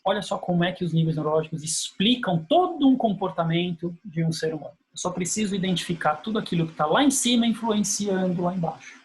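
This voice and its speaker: A man teaching a lesson, walking through slides in an explanatory way and slowly acting out phrases that parents say. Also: sits high. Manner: explanatory, repeats key phrases. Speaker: instructor. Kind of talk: explaining slides in a lecture video.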